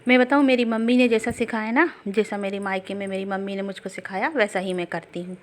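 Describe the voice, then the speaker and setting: A woman's voice: medium pitch, fairly even intonation, fast talker. A woman from Jhansi, chatting to camera as a family vlogger at home in a confiding, storytelling way. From Jhansi, India. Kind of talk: casual chat to camera.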